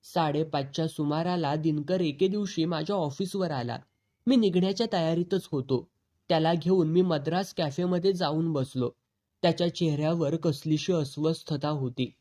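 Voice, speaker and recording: A man narrating a novel in the first person, with expressive storytelling. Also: a little high. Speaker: audiobook narrator.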